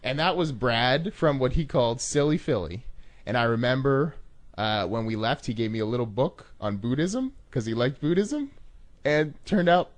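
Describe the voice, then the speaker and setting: A man telling a personal story in an animated way, acting out the scenes. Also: medium pitch, moderate pace, no room sound.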